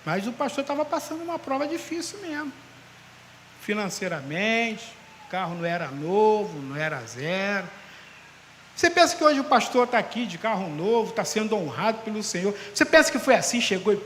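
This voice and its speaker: Animated pastor in an echoey hall. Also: male voice, high voice, normal speed. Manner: lively, animated storyteller who acts out dialogue. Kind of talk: storytelling sermon. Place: large church hall during an assembly. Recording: echoey hall with faint background noise.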